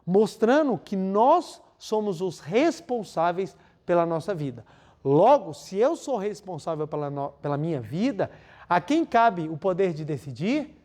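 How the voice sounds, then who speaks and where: Man giving a lively spiritual talk. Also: high voice, measured pace. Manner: lively storytelling, acting out dialogues. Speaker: lecturer. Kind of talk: spiritual lecture.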